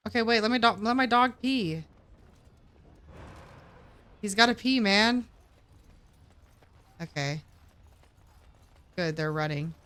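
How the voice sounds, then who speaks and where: A woman's voice: medium pitch, takes it slowly, pauses often, fairly bright tone. A woman streaming a game with casual, slangy live commentary, often talking to the characters on screen.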